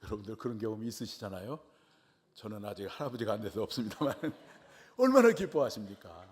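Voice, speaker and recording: Emphatic middle-aged pastor preaching. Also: male voice, on the low side, big pitch swings, fairly quick. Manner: emphatic, with sudden loud swells on key phrases and quiet drops after them; asks the congregation rhetorical questions. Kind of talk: sermon.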